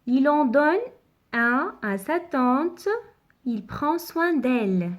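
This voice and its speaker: Slow, deliberate woman teaching reading. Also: high-pitched, expressive. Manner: slow, deliberate, spelling out sounds. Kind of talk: children's reading lesson.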